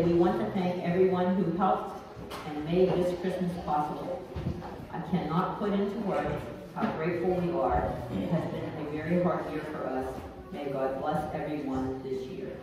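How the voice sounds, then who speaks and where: An older female pastor with a deep voice delivers church announcements and liturgy in a homely, unhurried way, with frequent ums. She's picked up by a pulpit mic from a far camera in a reverberant sanctuary, so the recording is distant, echoey and noisy with room sound.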